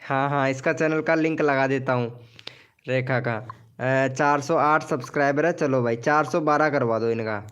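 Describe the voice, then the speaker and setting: A man's voice: medium pitch, fairly even intonation, moderate pace, a bit bright, smooth, dull audio. A man hosting a casual live stream who promotes viewers' channels, teases them jokingly and calls each of them by name.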